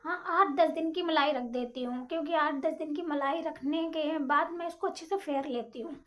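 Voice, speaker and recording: A young woman talking quickly and chattily in a casual cooking voice-over for her home vlog. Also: high-pitched. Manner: rapid, chatty, apologizes for talking fast. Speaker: home vlogger.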